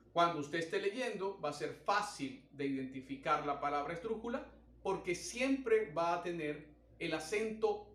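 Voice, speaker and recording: Guy teaching a grammar class real slow, kinda high voice, echoey room. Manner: slow, deliberate explaining, counting out syllables. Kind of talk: recorded language lesson.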